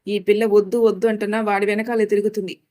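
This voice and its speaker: A furious middle-aged mother who scolds and lays blame, her words sharp with indignation, as a woman narrator puts her on. She is a storybook figure with a controlling temper. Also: medium pitch, level tone, quick pace, lightly acted. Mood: angry.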